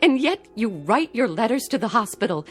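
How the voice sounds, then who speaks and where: An actress plays an indignant young doctor's wife who earnestly protests in defense of her husband, in the style of a 1960s TV drama. Her female voice sits a little high and is very animated, moving at a fairly quick clip. Faint music runs beneath this old TV soundtrack.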